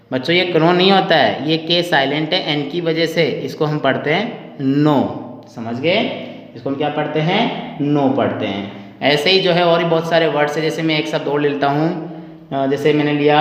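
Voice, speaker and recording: A man's voice: on the high side, a bit bright. Man teaching in an echoey hall. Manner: repeats questions back to the class, addresses viewers as friends. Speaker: English teacher. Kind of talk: classroom lesson explaining pronunciation. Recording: echoey hall, dull lo-fi sound.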